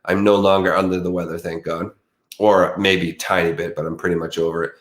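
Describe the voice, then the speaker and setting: Talking a bit fast in a low voice with little pitch movement, this man hosts a laid-back true crime livestream and chats loosely with his viewers. He's slightly stuffed up from allergies, stumbles into frequent fillers and restarts, and sits in an echoey room.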